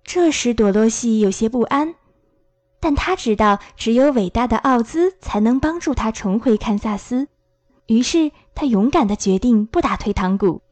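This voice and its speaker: A woman reads a children's story aloud with a gentle, clear storytelling manner. Her voice sits a bit high for a woman, and the recording is dry and close with no room around it. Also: lively intonation, moderate pace, no room sound.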